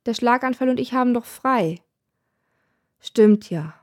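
A woman's voice: a little high, animated, measured pace. Weary old grim reaper, read by a woman: sighing, grumbling, put-upon storybook Death. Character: tired, grumpy male Death, weary old worker.

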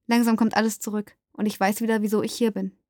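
A woman narrating a first-person story aloud, dramatic and rising to shouts in the dialogue. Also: medium pitch, flat delivery, quick pace, no room sound, clean studio sound.

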